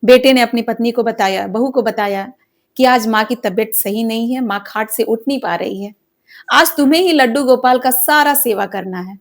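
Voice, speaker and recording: A woman's voice: on the high side, moderate pace. A woman narrating a devotional folk story in an earnest, dramatic way.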